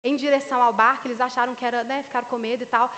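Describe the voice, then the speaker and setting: A woman preacher giving a sermon in a relaxed, joking, conversational way at a church service. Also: on the high side, rapid-fire. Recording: long reverb in a large hall.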